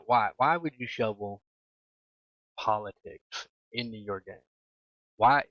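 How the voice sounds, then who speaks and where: A man's voice: on the low side, dry recording, highs cut off. A man giving casual gameplay commentary as a gaming YouTuber, ranting in an exasperated tone and repeating his points for emphasis.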